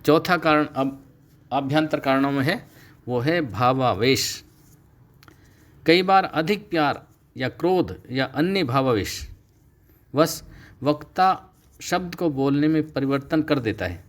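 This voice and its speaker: Man giving a steady lecture. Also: medium pitch. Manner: steady explanatory delivery, slows to stress key terms. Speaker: Sanskrit teacher. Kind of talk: recorded online lecture.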